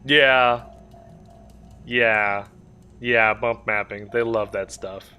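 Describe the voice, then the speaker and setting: A man's voice: on the low side, steady tone, drawn-out words, sharp tone, smooth, soft background music. A man streaming a video game, making joking, sarcastic asides as he plays. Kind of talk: live game commentary.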